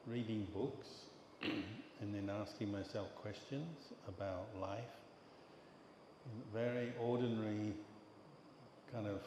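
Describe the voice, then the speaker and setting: Older English monk in a reverberant hall. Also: male voice, lowish voice. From England. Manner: calm, measured storytelling with pauses. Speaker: Buddhist monk teacher. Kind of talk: dharma talk. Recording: echoey hall with long reverb and background noise.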